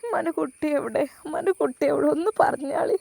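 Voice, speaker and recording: A woman's voice: sits high, brisk, gravelly, a little mellow, no room sound, pitched above the performer's own voice. A woman voicing a tearful elderly mother, pleading and repeating herself.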